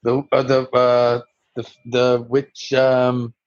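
A male podcast guest talks casually and haltingly, often sounding unsure. His mid-pitched voice comes through slightly muffled, low-fidelity audio. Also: monotone, a little hiss or hum. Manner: hesitant, unsure. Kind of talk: casual chat. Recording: dull lo-fi microphone sound.

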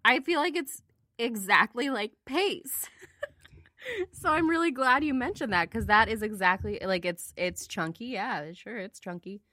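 Bright, giggly woman taste-testing snacks. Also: fairly high pitch, a little slow, dry recording. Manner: giggly, playful, reads packaging aloud. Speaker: co-host of a snack taste-test show. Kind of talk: casual chat.

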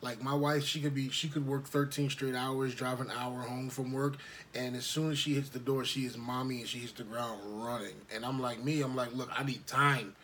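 A man's voice: medium pitch, level tone, normal speed, a bit bright, slight background noise. A man in his thirties, a podcast co-host talking in a laid-back, earnest way with some slang. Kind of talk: casual chat.

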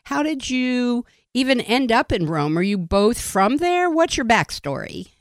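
A woman's voice: a little high, big pitch swings, no echo, studio quality. A woman hosting an interview, asking her guests a run of questions. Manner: asks questions in quick bursts. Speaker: interview host.

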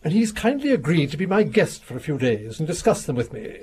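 A lofty, lively old detective. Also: male voice, fairly high pitch, fairly quick, a crowd in the background. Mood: genial. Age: older. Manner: lofty, precise deductive speech with chuckles. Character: elderly retired detective, brilliant, vain and untidy. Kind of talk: radio drama acting.

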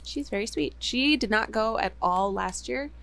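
A woman co-hosting a casual chat podcast, playful and bubbly and quick to laugh. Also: a little high, gravelly, a bit bright. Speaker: podcast co-host.

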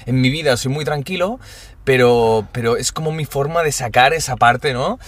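A man's voice: mid-range voice, moderate pace, no room sound. A young man with a Spanish accent, co-hosting a casual podcast chat and explaining his thoughts at length. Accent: Spanish from Spain. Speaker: podcast co-host.

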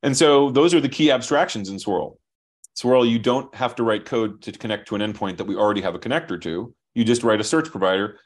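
A man on a video call walks through his software as he shares his screen. He talks briskly and thinks aloud, often restarting a phrase. His pitch sits at an ordinary middle height. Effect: heard over a video call. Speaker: software company founder as guest. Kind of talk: explaining software while sharing screen.

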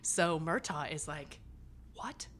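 A woman's voice: lowish voice, animated, normal speed, a bit bright, slight background noise. A woman co-hosting a podcast, chatting casually and swearing as she recaps an episode. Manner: chatty, swearing, laughing often. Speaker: podcast co-host.

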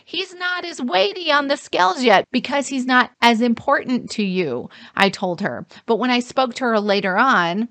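A woman's voice: mid-range voice, fairly bright tone. Earnest woman dating coach giving advice. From United States. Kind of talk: podcast monologue.

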